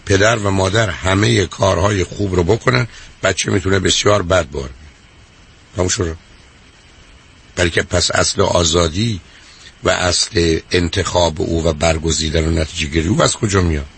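A man's voice: sits low, steady tone, creaky, fairly bright tone, husky. A man hosting a call-in advice show, lecturing a caller bluntly and repeating his points. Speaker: radio advice host. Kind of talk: call-in counseling.

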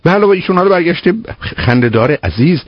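A man's voice: on the high side, animated, dry recording. A man hosting a call-in advice radio show, counseling a caller in an emphatic way and calling her "dear" again and again. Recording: dull lo-fi radio audio.

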